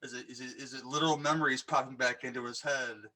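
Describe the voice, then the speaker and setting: A man's voice: mid-range voice, fairly even intonation, quick pace, bright, forceful tone. A man co-hosting a casual podcast, talking in a rambling, enthusiastic way with many restarts. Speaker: podcast co-host. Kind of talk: casual podcast chat about horror films.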